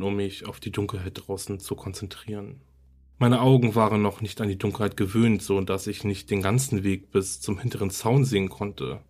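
A man with a deep, slightly breathy voice reads a horror story aloud. His delivery is calm and steady, like a podcast narrator easing listeners into a creepy night tale.

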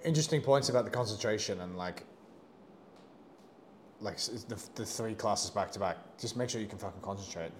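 A man's voice: lowish voice, fairly quick, slight background noise. A man hosting a podcast in a laid-back, casual way, swearing now and then. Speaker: podcast host. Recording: roomy echo with faint ambience.

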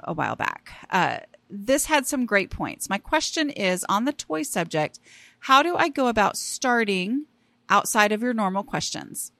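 A woman's voice: mid-range voice, creaky, fairly bright tone, no echo. A woman hosting a casual solo podcast, talking in a chatty, self-deprecating way with rambling asides. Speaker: podcast host.

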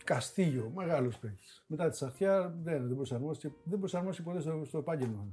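A man who is a podcast guest, telling stories in a casual, animated way with frequent asides. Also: fairly high pitch, husky, faint music behind. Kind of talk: casual storytelling interview.

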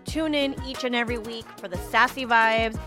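A woman's voice: fairly high pitch, steady tone, moderate pace, music in the background. A woman host delivering a scripted, upbeat, promotional introduction to a podcast.

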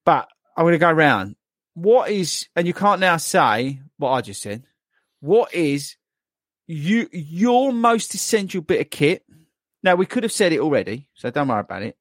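Lively joking podcast host. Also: male voice, on the high side, normal speed, no room sound, clean studio sound. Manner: jokey, teasing, laughs a lot. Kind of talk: casual chat.

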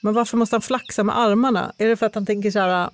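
A woman's voice: medium pitch, fairly even intonation. A woman reading a fairy tale aloud, breaking off into irreverent, swearing asides that mock the story.

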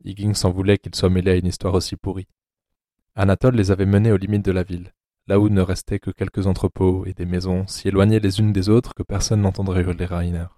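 A man narrating an audiobook-style drama in a measured, sombre reading. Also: sits low, little pitch movement, dark tone, no room sound, studio quality.

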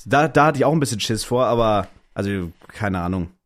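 A young man co-hosting a podcast, telling a story excitedly in slangy casual chat. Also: on the low side, fairly quick. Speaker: podcast co-host.

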